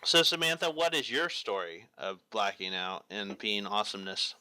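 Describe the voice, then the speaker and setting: A man's voice: moderate pace, pushed and bright, clean tone. A man hosting a casual podcast, telling a crude drinking anecdote with lots of laughter. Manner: crude, laughing, swinging pitch. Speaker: podcast host.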